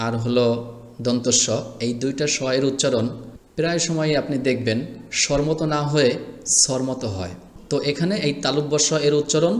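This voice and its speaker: A man teaching a spelling lesson, spelling words slowly and patiently, letter by letter. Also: medium pitch. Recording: echoey room with long reverb.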